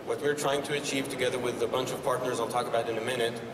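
A man in his thirties presents on an exhibition hall stage, talking conversationally and dropping wry asides. He is heard from far off through a handheld mic. A long hall echo and steady background noise surround him. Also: medium pitch, quick pace. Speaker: company founder presenting. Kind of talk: conference talk. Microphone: handheld mic, far camera. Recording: roomy hall from far off, noisy.

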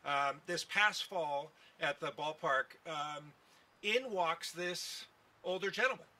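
Taking it slowly, a man with a slightly high, pushed and bright voice speaks as a baseball team executive at an outdoor park press event. He uses a podium microphone on a stand and rambles through folksy stories laced with fillers.

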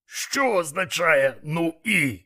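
Man putting on a gruff demon mentor, blunt, scolding, raised gravelly voice, bright raspy edge. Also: high-pitched, sing-song, moderate pace, voice pushed up, exaggerated voice. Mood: exasperated. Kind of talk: audiobook character voice.

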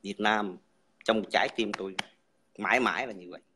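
A man's voice: lowish voice, fairly quick, background noise. A man calling in to a livestream who speaks earnestly and makes firm declarations. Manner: earnest, declaring his loyalty. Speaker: guest caller. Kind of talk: call-in on a livestream.

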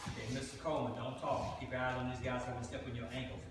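A man's voice: mid-range voice, level tone, fast talker. An older man in his sixties refereeing a kids' sparring class in a dojo, stern and commanding, with short barked calls. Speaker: martial arts instructor. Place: large indoor dojo with mats. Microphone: far camera. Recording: echoey hall from far off, loud room noise.

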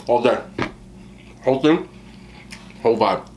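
A man's voice: medium pitch, measured pace, darkish tone, slight background noise. A man chewing while talking as he eats on camera, a slangy mukbang vlogger who keeps repeating short exclamations. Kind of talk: casual chat to camera.

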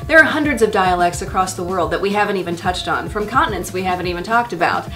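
An American woman, a dialect coach, explaining clearly and patiently with examples. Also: fairly low pitch, lively intonation, fast, bright, forceful tone, faint music behind. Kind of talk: explanatory teaching to camera.

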